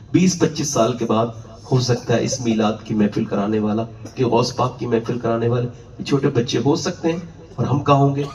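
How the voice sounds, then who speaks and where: A man's voice: mid-range voice, darkish tone. Dramatic male preacher in an echoey hall. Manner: emotional, dramatic storyteller who acts out the voices of his characters. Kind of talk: devotional sermon with storytelling. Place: religious gathering. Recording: echoey, distant, dull hall sound.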